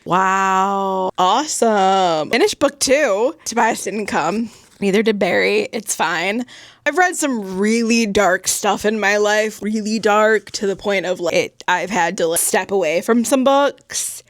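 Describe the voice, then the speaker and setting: A woman's voice: mid-range voice, unhurried, no room sound, clean studio sound. A woman and mother vlogging casual reactions to her reading, talking emphatically and exclaiming straight to her viewers. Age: adult mother. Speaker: book vlogger.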